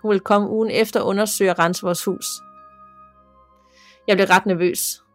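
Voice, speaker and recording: A woman reading a listener's ghost story aloud as a podcast narrator, in a steady, measured way. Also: mid-range voice, soft background music.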